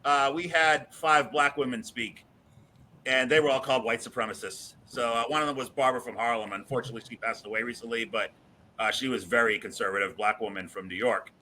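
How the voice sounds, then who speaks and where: A man's voice: medium pitch, steady tone, brisk, sharp tone, rough recording. A man from the Boston area, a guest in an interview, telling his story frankly and chattily and laughing through anecdotes. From Boston area, USA. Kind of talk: casual conversational storytelling.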